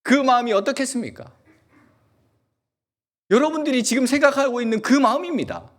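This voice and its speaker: A male pastor with a Gyeongsang accent, preaching a lively sermon and asking the congregation question after question. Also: very high voice, a little fast. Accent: Gyeongsang Korean. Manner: animated, asks the congregation many questions; acts out quoted voices in dialect. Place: church sanctuary.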